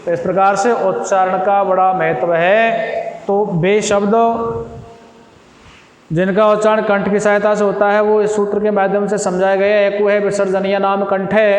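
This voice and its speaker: A man teaching a lesson, drawing out syllables and repeating each point slowly. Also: high-pitched. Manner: slow, drawn-out syllables and repetition. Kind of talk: classroom lesson. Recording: echoey room with faint hum.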